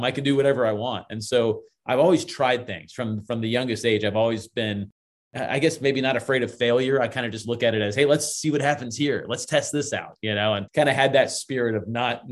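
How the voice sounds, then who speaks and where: A man in his forties from Florida, telling his story as a guest in a casual interview, chatty and upbeat. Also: on the low side. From Florida, USA. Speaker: guest, real estate investor.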